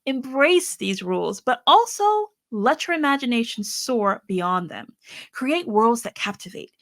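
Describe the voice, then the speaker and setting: A woman's voice: fairly high pitch, animated, a little slow, a bit bright, no echo. A woman hosting a podcast, giving earnest advice to fellow writers with light laughing asides. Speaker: podcast host and author. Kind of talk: instructional podcast talk to writers.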